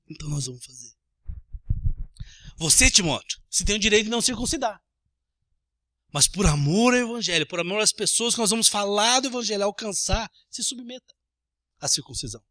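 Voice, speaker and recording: A Brazilian man preaching a sermon as pastor, animated, acting out little everyday scenes with changing voices. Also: high voice, brisk, long pauses, no echo, studio quality. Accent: Brazilian Portuguese.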